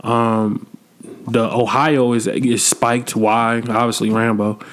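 A man in his twenties from the Midwestern United States hosts a podcast, chatting casually in a blunt, slangy, reflective way. His medium-pitched voice is a bit bright, slow-paced, and fairly flat in pitch.

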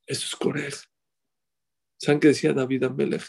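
Husky-voiced man preaching with rhetorical questions. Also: medium pitch, level tone, fairly quick, darkish tone. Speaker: rabbi. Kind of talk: sermon.

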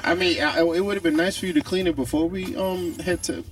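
A man co-hosting a comedy podcast, playful and quick to laugh, bantering from inside a parked car. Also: high-pitched, fairly even intonation, recorded from a distance. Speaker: podcast co-host.

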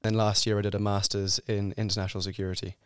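A young man from France, a guest researcher in a podcast interview, explaining at length in a measured way with small restarts. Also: on the low side, level tone, clean tone, no echo, clean studio sound. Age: young adult.

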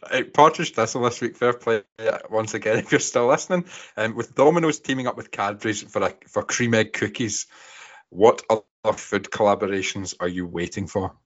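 Low-voiced teasing podcast host man. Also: normal speed. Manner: dry, teasing moderator. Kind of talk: casual chat. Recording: dull lo-fi podcast audio.

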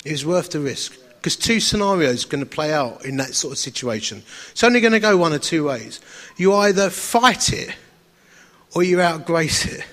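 A man from Essex, England, with a slightly high, bright voice and lively intonation, preaches to an audience at a normal pace. His sermon is built on personal anecdotes, told in a chatty, wry, self-deprecating way.

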